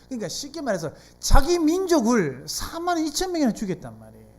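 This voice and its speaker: Lively Gyeongsang-accented pastor preaching. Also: high-pitched, a little fast. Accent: Gyeongsang Korean. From South Korea. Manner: conversational preaching, constant rhetorical questions to the congregation. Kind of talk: sermon. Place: church sanctuary.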